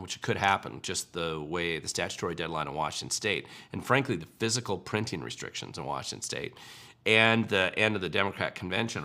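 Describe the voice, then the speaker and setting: A low-pitched man with a gravelly, bright edge to his voice answers viewer questions on a livestream. His talk is casual and wry, full of ums and restarts. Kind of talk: casual political commentary livestream.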